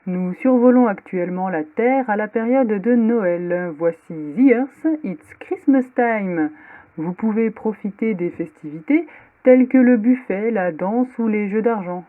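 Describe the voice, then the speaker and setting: A woman playing a pilot's cockpit-headset announcement, delivered in a deadpan captain's voice. The sound is narrow and phone-like, as if it comes through the aircraft's tinny speaker system. Her pitch sits in the middle of the range, and she switches between French and clumsy English. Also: measured pace. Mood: deadpan announcing. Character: mock airline captain making cabin announcements. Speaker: podcast co-host giving the episode recap. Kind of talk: comic scripted recap.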